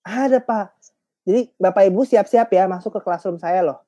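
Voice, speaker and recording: A man's voice: sits high, moderate pace, warm tone, dry recording, highs cut off. A man training teachers in an online webinar, chatty and joking as he walks the audience through each step.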